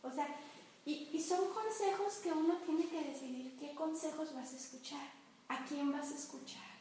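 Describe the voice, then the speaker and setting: A woman's voice: sits high, normal speed, slight background noise. A woman gives an informal, chatty talk to an audience, telling stories with asides. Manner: chatty, animated storytelling with asides and laughs. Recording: echoey room from far off.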